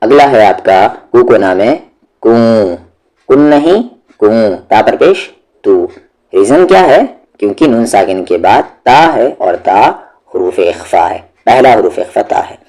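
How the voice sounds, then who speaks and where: A man's voice: fairly low pitch, lively intonation, darkish tone. A man teaching Quran recitation, patiently sounding out syllables one at a time and drawing them out. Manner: patient, drawn-out syllable drills. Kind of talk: slow step-by-step tajweed lesson.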